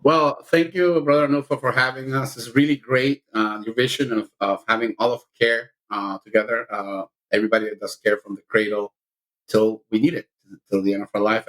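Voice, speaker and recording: A middle-aged union leader from El Salvador, a guest on a podcast, speaks with earnest, impassioned conviction about justice. His voice is fairly low and a bit bright, and the recording quality is low.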